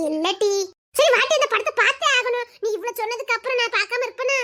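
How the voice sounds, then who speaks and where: A woman's voice: extremely high pitch, fairly quick, bright, forceful tone. A woman, playing two teasing girlfriends in a comedy skit with playful, melodramatic chatter. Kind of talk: village comedy skit dialogue.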